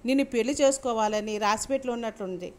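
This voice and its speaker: A woman voicing a gentle young man who is recovering in bed, speaking softly in a lowered, quiet voice. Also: quick pace, close to an everyday voice.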